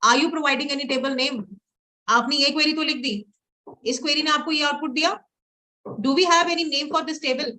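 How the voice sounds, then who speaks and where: A woman's voice: sits high, steady tone, measured pace, pushed and bright, rough recording. A woman teaching SQL in a screen-recorded lesson, mixing Hindi and English and quizzing her students as she types queries. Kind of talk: live coding lesson.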